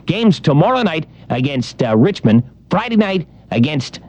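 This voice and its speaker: A man's voice: a little high, very animated, moderate pace, a little mellow. A man hosting a morning radio show, joking and rattling off times, weather and scores.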